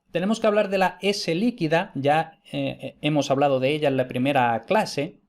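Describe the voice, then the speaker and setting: A man's voice: a little high, darkish tone. A man from teaching historical grammar in an informal online lecture, explaining patiently, repeating key points and checking in with his listeners.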